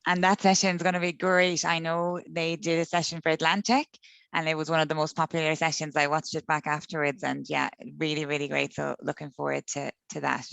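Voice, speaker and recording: A woman's voice: deep voice, level tone, fairly quick, creaky, fairly bright tone, smooth, no room sound, poor audio. A woman hosting an online work and wellness webinar, upbeat as she thanks people and wraps up. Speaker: webinar host. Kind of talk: casual online webinar talk. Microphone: video call.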